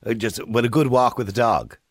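A man's voice: medium pitch, a little fast, dry recording, clean studio sound. A man with an Irish accent presenting a radio phone-in conversationally, putting questions and repeating phrases for emphasis. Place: radio studio. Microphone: close studio microphone.

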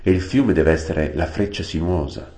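A man voicing a proud talking warhorse stallion in a storybook, measured. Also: sits low, warm tone. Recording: roomy echo.

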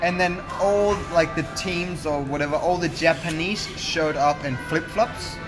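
A man's voice: a little high, measured pace, over music. A young man guesting on a casual chat, telling anecdotes with acted-out quotes, swearing and New Zealand slang. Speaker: podcast guest.

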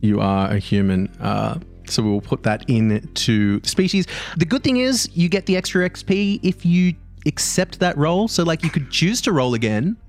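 A man's voice: on the high side, very animated, moderate pace. A man as game master, explaining rules in casual, filler-heavy chat.

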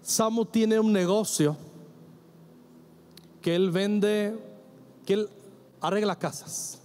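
A man's voice: high-pitched, fairly even intonation, takes it slowly, darkish tone. A man preaching a sermon as a pastor, emphatic and calling on the congregation to answer him. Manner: emphatic, acts out quoted dialogue, asks congregation to answer. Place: church with congregation.

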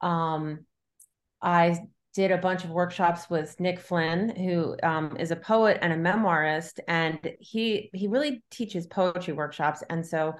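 A middle-aged novelist, being interviewed in a casual conversation about writing, thinks out loud in loose, circling sentences. She speaks slowly, her voice on the low side.

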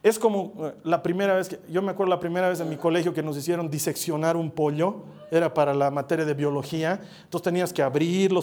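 A high-pitched man delivers a sermon as a lively story. He acts out other people's voices, then sinks to a near hush to drive a point home. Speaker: preacher.

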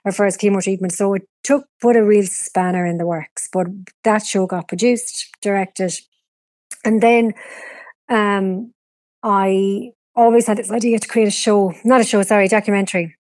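A woman's voice: medium pitch, fairly even intonation, normal speed, darkish tone, no echo. A middle-aged woman with a west of Ireland, Galway accent, chatting and explaining as she answers interview questions. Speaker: interview guest, TV producer and presenter.

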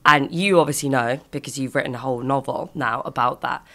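A British woman in her twenties with a croaky voice left by a virus, chatting candidly and a little haltingly. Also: extremely low pitch, a bit bright. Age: 20s. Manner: candid, halting, frequent swearing. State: lingering croakiness after a virus. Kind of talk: casual intimate chat.

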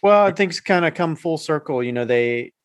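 A man's voice: fairly high pitch, expressive, normal speed, no echo, studio quality. A man hosting a podcast interview, putting thoughtful, long-winded follow-up questions to his guest. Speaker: podcast host. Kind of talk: conversational interview.

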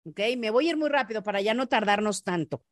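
A podcast host with a Mexican Spanish accent leads a motivational show, speaking straight to the listener and often tagging lines with "¿ok?". She is animated, acting out little scenes with quick voice shifts, in a mid-range voice recorded cleanly in a studio without echo.

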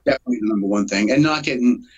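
A man's voice: medium pitch, racing, a little mellow, highs cut off. A man in his forties, a solo acoustic musician, chatting in a laid-back interview with lots of fillers and laughs, a bit congested from a cold. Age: 40s. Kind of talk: casual interview.

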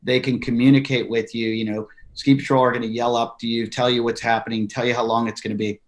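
Animated male comedian guest. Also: mid-range voice, fast talker. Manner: animated storyteller acting out quotes. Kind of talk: podcast interview.

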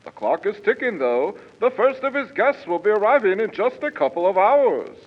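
A man playing a slick old-time radio announcer who narrates and sells in a smooth, salesy 1940s style. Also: high-pitched, sing-song, moderate pace. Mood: narrating. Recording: muffled lo-fi old radio sound.

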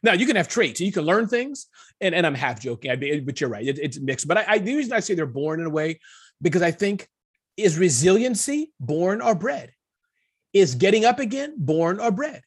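Husky, animated male podcast guest. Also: high voice, brisk. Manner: animated, self-deprecating, lots of restarts. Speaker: guest entrepreneur. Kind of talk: casual podcast interview.

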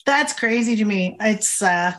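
A woman's voice: mid-range voice, measured pace, a bit bright. A woman hosting a casual panel chat, upbeat as she reacts and introduces her guests. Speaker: host.

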